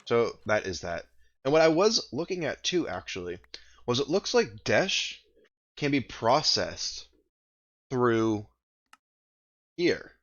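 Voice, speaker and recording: A man's voice: mid-range voice, big pitch swings, takes it slowly, long pauses, fairly bright tone, highs cut off. A man casually commenting on his own gameplay, thinking aloud and rambling, with a groggy morning voice. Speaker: gaming video host. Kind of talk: casual let's-play commentary.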